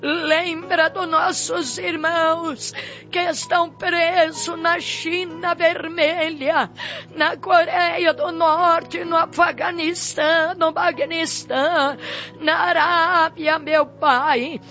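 A Brazilian woman preaches, leading a fervent intercessory prayer and pleading tearfully in short phrases. Her voice is extremely high, level in tone, slow, pushed and bright. The lo-fi recording sounds dull, with music in the background.

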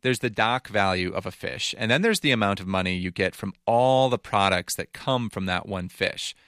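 A man's voice: lowish voice, normal speed, a bit bright, clean tone, dry recording, studio quality. A man narrating a scripted news feature in a conversational, explanatory way. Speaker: reporter narrating.

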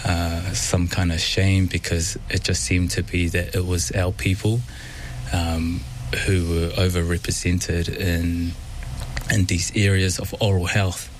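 A man with a New Zealand accent, a dentist speaking as a guest in a radio studio interview, thoughtful and halting with many pauses. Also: deep voice, a little hiss or hum.

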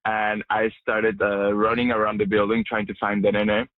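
A man's voice: on the low side, completely flat delivery, normal speed, no room sound. A young man from Mexico, a journalism student, answering radio interview questions with many fillers and restarts. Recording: dry, tinny phone-like line.

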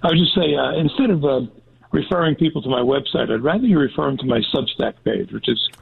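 A male guest author from Newark speaks over a tinny phone line. His voice is gravelly and husky at a mid pitch. He talks casually, pausing on fillers as he goes. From Newark, New Jersey. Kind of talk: phone-in interview.

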